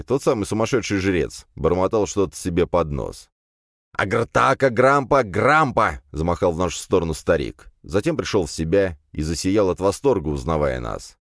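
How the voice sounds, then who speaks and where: A man narrating a fantasy audiobook with expressive storytelling. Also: deep voice, no room sound, clean studio sound.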